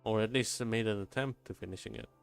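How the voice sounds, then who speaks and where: Fast and lowish with vocal fry, his voice rides over faint background music as he plays a game on a livestream. He chats casually, mulling things over aloud and repeating himself often.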